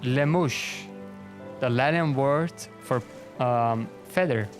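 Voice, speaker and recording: A young Belgian streamer with a strong Flemish accent, a native Dutch speaker, rambles casually on a gaming livestream with faint music behind him. He swears a lot, puts himself down and keeps restarting his sentences, speaking slowly in a mid-range voice.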